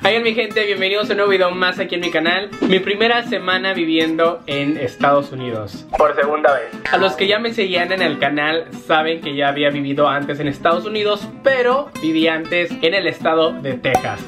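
A young adult vlogger from Jalisco, Mexico, chats casually to a fixed desk camera in his small bedroom, his voice somewhat high. He's animated and slangy, gestures a lot with his hands, and puts on quick voices when quoting people, while faint guitar music plays underneath.

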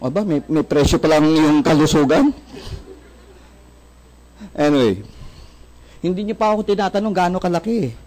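A Filipino man with a notably high voice and very lively, swooping intonation leads a seminar for a live audience. He quizzes the room, answers his own questions and drops in jokes. English phrases run through his talk. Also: normal speed, long pauses, poor audio. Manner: asks the audience questions and answers them himself, joking, mixes English in. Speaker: product presenter.

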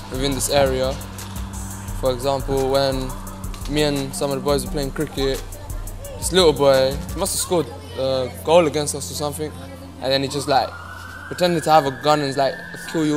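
A man's voice: mid-range voice, flat delivery, moderate pace. Casual teen boy outdoors, music behind. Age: teens. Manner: casual, chatty with fillers. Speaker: interviewee. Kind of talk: casual interview answers. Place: outdoors on a housing estate. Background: background music.

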